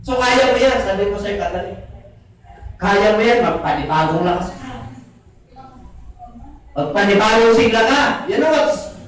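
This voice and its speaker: A man preaching a sermon as pastor, mixing Tagalog and English scripture readings, with polite "po" and many "ah" pauses. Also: sits high, animated. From Philippines. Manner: polite "po", frequent "ah" hesitations. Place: church hall. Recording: very echoey, voice from far off.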